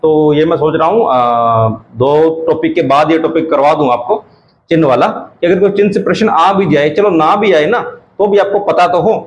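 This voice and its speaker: A man's voice: a little high, roomy sound, rough recording. A male teacher explains grammar to exam students in a chatty way. He repeats key phrases and asks the class questions.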